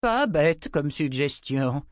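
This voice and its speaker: Male narrator doing a blustering old wizard, high and complaining, audiobook. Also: very animated, no echo, clean studio sound. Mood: cranky, indignant. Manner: cranky, exclaiming, quick to complain.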